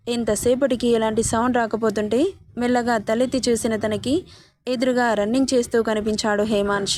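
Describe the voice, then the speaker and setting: A woman narrating a romance story in an expressive, descriptive way. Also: on the high side, no room sound.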